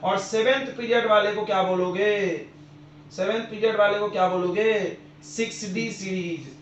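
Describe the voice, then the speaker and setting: A man's voice: high voice, steady tone, moderate pace, a little hiss or hum. A man who is a chemistry teacher, giving a classroom lecture and drilling his students with repeated questions and answers. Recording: roomy, dull lo-fi classroom recording.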